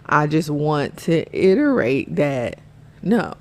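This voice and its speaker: Woman podcast host, gravelly fry, unhurried, earnest, slightly out of breath. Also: sits low, big pitch swings, darkish tone. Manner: earnest, laughs often. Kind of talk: casual faith-based chat.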